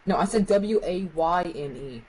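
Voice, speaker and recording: A man chatting casually with friends during an online game, relaxed and self-mocking with frequent giggles. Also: high-pitched, normal speed, low-quality recording. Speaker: gamer on a stream. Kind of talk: casual gaming chat with friends.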